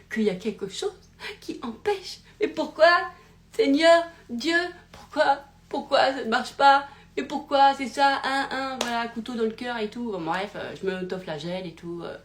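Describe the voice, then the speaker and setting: A woman hosting a live talk, theatrical and animated, swinging from loud exclamations to low mutters, laughing often and interrupting herself. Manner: laughs often, many fillers and self-interruptions. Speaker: host of a live self-help talk. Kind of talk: casual live-stream monologue.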